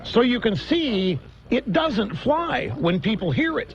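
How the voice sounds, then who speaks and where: A man hosting a political talk radio show, delivering an animated, mocking monologue. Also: extremely high pitch, takes it slowly. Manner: animated, mocking, mimics others in exaggerated voices. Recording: dull lo-fi radio broadcast.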